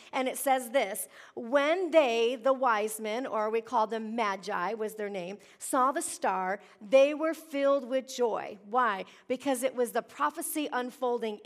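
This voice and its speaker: Woman pastor, high-pitched, chatty informal sermon delivery, echoey big-hall church sound. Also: fairly bright tone. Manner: chatty, exclamatory, addresses listeners with questions. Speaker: pastor teaching a congregation. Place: church sanctuary, speaking to congregation.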